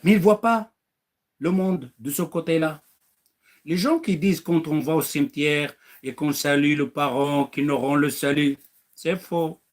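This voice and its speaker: A man's voice: fairly high pitch, unhurried. A man preaching to listeners in French, acting out little dialogues, firing rhetorical questions and mocking now and then. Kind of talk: animated religious talk.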